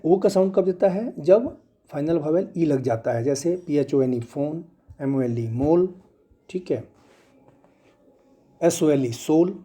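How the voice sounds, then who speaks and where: A male teacher walks his class through phonics, spelling each word letter by letter before saying it. His pace is unhurried and deliberate. The voice sits a little high for a man but sounds very dark and mellow in tone. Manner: slow, patient spelling out letter by letter. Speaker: school teacher. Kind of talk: phonics lesson in mixed Hindi and English.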